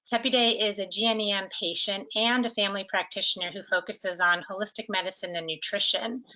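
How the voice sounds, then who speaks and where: A woman's voice: mid-range voice, steady tone, brisk, bright, forceful tone, low-quality recording. A woman hosting a webinar over a video call, introducing a speaker in a friendly, upbeat way. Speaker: host.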